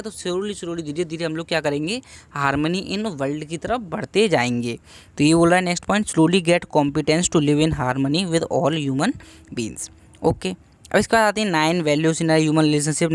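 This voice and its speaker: Young man tutoring with rhetorical questions. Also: fairly high pitch. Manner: explains each point with rhetorical questions; reads English lines slowly, then explains them. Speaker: exam-prep tutor. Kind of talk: casual exam-revision lecture.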